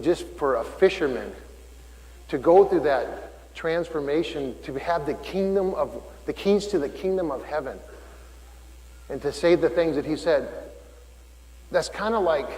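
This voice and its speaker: A man's voice: on the high side, a little slow, pauses often, darkish tone. A middle-aged man, a deacon, preaching a homily and telling a personal story in a folksy way with frequent restarts. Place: church. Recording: roomy church with long reverb.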